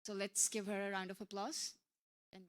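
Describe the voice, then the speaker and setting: A woman's voice: medium pitch, flat delivery, moderate pace, very noisy. A woman from Pakistan moderating a conference session, introducing speakers in a friendly, loose way with fillers.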